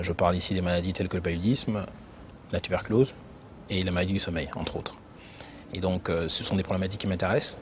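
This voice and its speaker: A man who grew up in Benin, an internal auditor answering interview questions in a measured, explanatory way with frequent hesitations. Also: low voice, a little hiss or hum. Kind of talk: corporate career interview.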